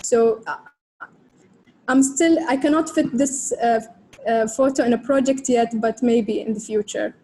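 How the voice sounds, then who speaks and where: Woman, soft and hesitant, slightly high, mellow tone, faint room noise. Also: unhurried, rough recording. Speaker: photographer, co-editor. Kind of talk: video call panel talk.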